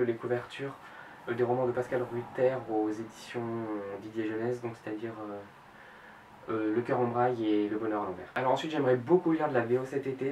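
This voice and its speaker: A man's voice: medium pitch, darkish tone. A young man in his late teens chatting about books he wants to read in a casual vlog, hesitant, with many fillers and self-corrections. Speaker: book blogger. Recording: roomy echo, mic at a distance, faint background hiss.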